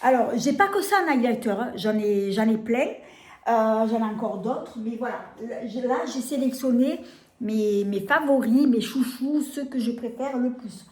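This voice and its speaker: A French woman showing makeup on camera, gushing about each product and filling pauses with hesitations and repeated words. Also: a little high, darkish tone. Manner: gushing, enthusiastic over products. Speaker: beauty vlogger. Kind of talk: casual product demo. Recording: echoey room.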